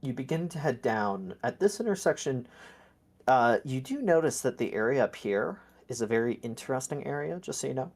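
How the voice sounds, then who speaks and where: A man's voice: mid-range voice, animated, a little fast, darkish tone. A man narrating as game master in a tabletop game, easygoing and descriptive.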